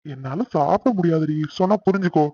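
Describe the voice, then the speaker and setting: A man voicing a young husband in an animated series, talking brusquely and dismissively and fumbling for excuses. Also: a little high, fast, no echo, muffled recording. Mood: gruff. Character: young husband, gruff and evasive.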